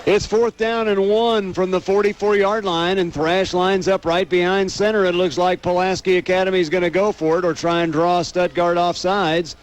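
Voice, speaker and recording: Calling live football for the radio, an American man speaks in a high-pitched voice at normal speed, barely pausing. The outdoor stadium is loud, and steady ambient noise persists in the background.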